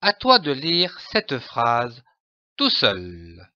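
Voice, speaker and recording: Slow, bright-voiced man teaching reading. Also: medium pitch, wildly swooping pitch, no room sound, dull audio. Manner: slow, deliberate, spelling out letters and syllables. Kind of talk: slow scripted reading lesson.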